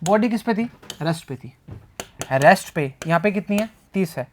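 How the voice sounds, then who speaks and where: A man's voice: high-pitched, lively intonation, normal speed, a little hiss or hum. Chatty, joking man tutoring physics. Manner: chatty and joking, talks to himself and to students; reads problems aloud, mixing English terms into the talk. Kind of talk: casual exam-prep lesson, solving questions aloud.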